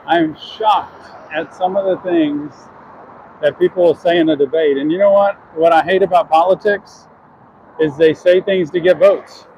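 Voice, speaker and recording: A man's voice: sits high, lively intonation, normal speed, vocal fry, darkish tone, muffled recording, slight background noise. A man chatting earnestly to his viewers while walking down city streets, answering questions from chat.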